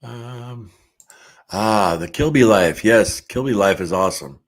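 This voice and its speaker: A middle-aged man hosting a casual livestream, reading viewer comments aloud and chatting in a relaxed way with frequent laughs. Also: fairly low pitch, measured pace.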